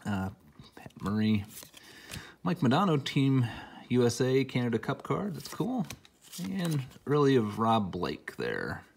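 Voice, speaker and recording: A man's voice: medium pitch, sing-song, unhurried, vocal fry, pauses often, a little hiss or hum. A middle-aged man who is a little under the weather, giving casual, rambling commentary with dry asides as he hosts an unboxing. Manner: rambling, dry asides while naming cards. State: under the weather, mildly sick. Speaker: host opening hockey card packs. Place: indoor room at a table, hobby display behind.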